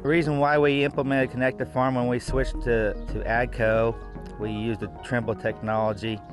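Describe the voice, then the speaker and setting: Plainspoken farmer. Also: male voice, medium pitch, flat delivery, moderate pace, music in the background. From United States. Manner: plainspoken, practical, with fillers. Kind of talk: on-camera interview.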